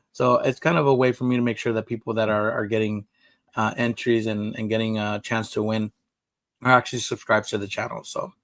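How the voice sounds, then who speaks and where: A man's voice: fairly low pitch, little pitch movement, normal speed, gravelly, a bit bright, dry recording, poor audio. A man hosting a live stream, chatting in an easygoing, rambling way. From United States. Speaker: livestream host. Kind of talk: casual live-stream chat.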